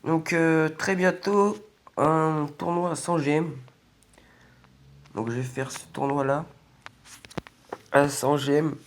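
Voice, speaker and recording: A man's voice: fairly high pitch, steady tone, slow pace, long pauses. A man casually commentating on a video game, his voice weak and congested from a sore throat. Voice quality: slightly croaky, strained by sore throat. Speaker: gaming video host.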